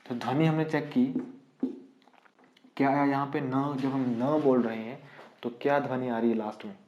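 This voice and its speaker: A man's voice: medium pitch, steady tone, moderate pace. A male teacher giving an online exam-prep lesson, explaining step by step and asking and answering his own questions. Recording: dull, roomy lo-fi recording.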